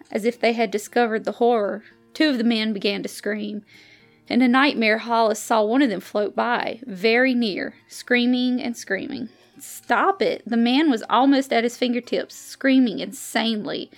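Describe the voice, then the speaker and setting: A woman on the library staff reading a science fiction short story aloud, giving the characters lively voices in the dialogue. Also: a little high, moderate pace, faint music behind.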